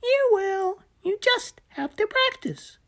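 Storybook gecko, small cheerful male, read by a woman, chirpy coaching voice, slightly gravelly. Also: very high voice, very animated, slow, fairly bright tone, pitched above the performer's own voice, exaggerated voice. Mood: coaxing. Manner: chirpy and encouraging.

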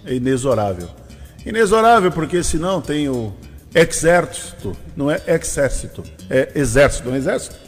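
A man's voice: a little high, very animated, a little fast, long reverb tail, soft background music. A man hosting a morning radio show from São Paulo, chatting casually and laughing often, with a Brazilian Portuguese accent. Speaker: radio host.

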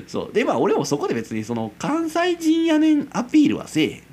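Rambling young Kansai man, wildly swooping pitch. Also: huge pitch swings, normal speed, darkish tone, a little hiss or hum. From Kansai, Japan. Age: 20s. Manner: rambling, self-mocking, chuckles often. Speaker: amateur radio-style host. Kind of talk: casual solo late-night radio chat.

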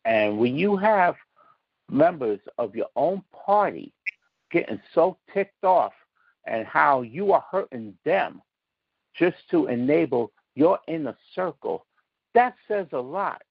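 A man's voice: on the high side, sing-song, slow, gravelly, dry recording, lo-fi sound. A man giving impassioned, folksy political commentary as a podcast guest, emphatic and fired up.

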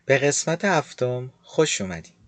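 A man teaching an online language lesson, explaining and slowly demonstrating pronunciation step by step. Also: mid-range voice, very animated, over loud music. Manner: slow, careful pronunciation demonstrations.

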